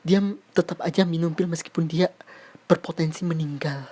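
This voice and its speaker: A woman's voice: low voice, steady tone, normal speed, dark tone, husky. A woman commentating on a story from chat screenshots, reacting with indignant exclamations and mild swearing. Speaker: YouTube commentator.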